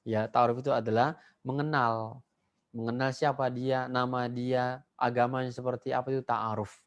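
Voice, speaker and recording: A man's voice: medium pitch, flat delivery, moderate pace. A male Arabic teacher giving a beginner language lesson, patiently repeating each word so learners can echo it.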